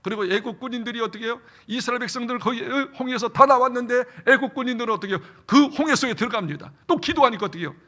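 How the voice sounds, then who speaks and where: A pastor preaching a sermon in an animated way. He fires questions at the congregation and calls for amens. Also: extremely high pitch, rapid-fire, few pauses. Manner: animated, asks the congregation questions and answers them. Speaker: senior pastor. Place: church sanctuary.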